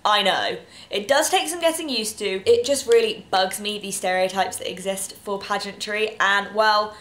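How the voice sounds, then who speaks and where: A woman's voice: mid-range voice, moderate pace, fairly bright tone. A young woman in her late teens with an English accent, chatting to camera in a poised, emphatic, articulate way. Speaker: pageant titleholder and video host. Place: bedroom, indoors. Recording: echoey room.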